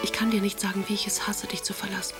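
A woman's voice: fairly low pitch, normal speed, vocal fry. A longing aristocratic lady writer. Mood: tender farewell. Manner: intimate, often half-whispered. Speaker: letter-writing lover. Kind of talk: radio drama reading of letters. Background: music.

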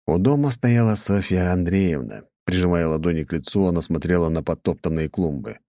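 Low-voiced man narrating a story. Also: fairly quick, no echo, studio quality. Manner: lively, expressive storytelling. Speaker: audiobook narrator. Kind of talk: scripted audiobook narration.

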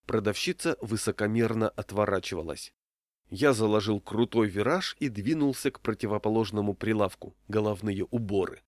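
A man reading a humorous story aloud with wry, deadpan narration. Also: on the low side, moderate pace, dry recording, studio quality. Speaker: reader.

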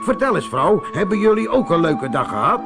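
A man's voice: fairly high pitch, big pitch swings, moderate pace, gravelly, over music. A man voicing a cheerful, proud fisherman husband in a storybook. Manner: proud, jovial.

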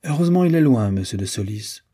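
A man's voice: medium pitch, animated, quick pace, warm tone, breathy edge. A man voicing a chatty, teasing young American society woman in an audiobook, playful and lightly mocking. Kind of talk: audiobook character voice.

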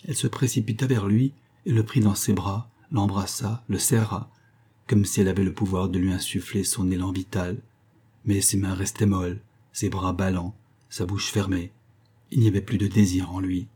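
Dark, husky male audiobook narrator. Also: low-pitched, flat delivery, moderate pace. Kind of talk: scripted literary narration.

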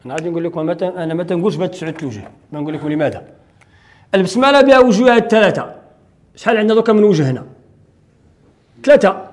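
A man's voice: high-pitched, animated, very fast, long pauses, darkish tone. A man with a Moroccan accent teaching Quran recitation rules in a classroom lecture, explaining step by step and answering his own questions.

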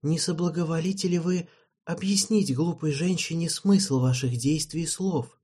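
Man doing a sharp-tongued princess. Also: breathy edge. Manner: arch, ironic, raised pitch. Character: sharp-tongued young princess, witty and defiant.

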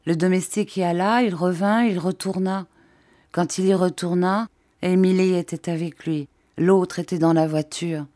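A woman reading an audiobook, voicing a broken young fisherman who speaks earnestly and haltingly. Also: fairly low pitch, steady tone, warm tone, no echo, clean studio sound, close to an everyday voice.

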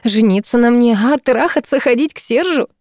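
A woman reading an audiobook, voicing a furious, scornful young woman who lashes out in raised, sharp outbursts. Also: on the high side, moderate pace, no echo, clean studio sound, pitched above the performer's own voice, lightly acted.

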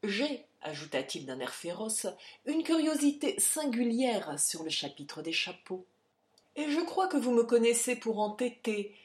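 A woman's voice: lowish voice, very animated, measured pace, hardly any pauses, echoey room. A woman reading aloud, voicing a furious, bullying older male general who roars and blusters. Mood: menacing. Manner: roaring, blustering.

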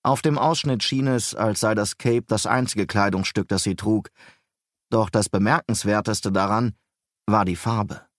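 A man narrating a crime novel as an audiobook in a measured, even reading. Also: lowish voice, dry recording, clean studio sound. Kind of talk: scripted narration.

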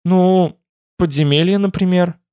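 A man voicing a soft, fretful young woman, a worried bride-to-be in an audiobook. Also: a little high, a little fast, no echo, studio quality, lightly acted.

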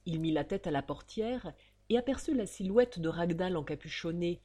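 A woman narrating an audiobook in a measured, expressive way. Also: lowish voice, breathy edge.

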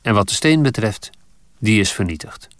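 A man voicing a calm, kindly old headmaster who explains things gently in a storybook reading. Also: lowish voice, normal speed, dry recording, natural voice. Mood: calm, wise.

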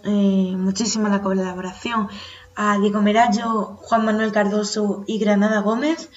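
A woman hosts a student radio show, reading her scripted introductions and sign-off. Her mid-pitched voice is far from the mic and sounds dull and lo-fi. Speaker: student radio reporter and host.

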